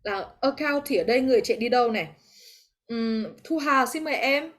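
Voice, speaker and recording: A woman's voice: fairly high pitch, fairly quick, fairly bright tone. A woman English teacher with a Vietnamese accent, teaching an online class over a video call, explaining patiently and encouraging her students.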